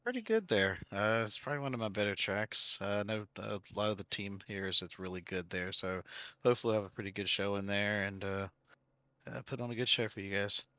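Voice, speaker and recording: A male race driver giving a post-race interview in halting, filler-packed answers. His voice is very low yet bright and forceful, heard through a dull, lo-fi mic with dry sound. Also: dry recording.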